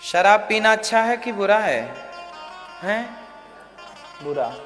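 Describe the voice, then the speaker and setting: A man preaching a devotional story in a high, bright voice. He speaks slowly, puts questions to the crowd and answers them himself. His voice rings with a long hall reverb, and soft music plays underneath. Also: sing-song. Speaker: religious storyteller.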